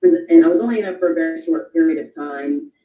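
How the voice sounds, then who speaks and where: A woman's voice: sits low, quick pace. Woman, hesitant casual storyteller, echoey and tinny phone-quality sound. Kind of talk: casual personal account. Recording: tinny, echoey, distant playback.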